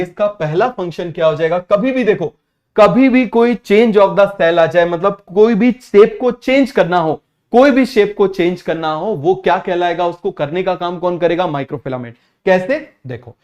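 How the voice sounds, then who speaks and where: Man, high voice, young teacher, keeps checking students follow. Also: a little mellow. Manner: keeps asking students if it is clear. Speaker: biology teacher. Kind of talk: online exam-prep class.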